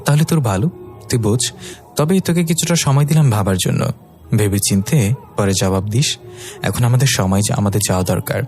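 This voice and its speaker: Stern fairy king dad, man doing it, gruff and bossy, soft music behind. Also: fairly low pitch, fairly quick, close to an everyday voice. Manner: commanding, gruff.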